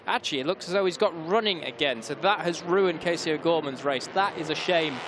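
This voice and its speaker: Male, motorsport commentator, live race calling, slightly high voice, clear trackside vehicle noise. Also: fairly quick. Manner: motorsport commentator delivery, running description of the action.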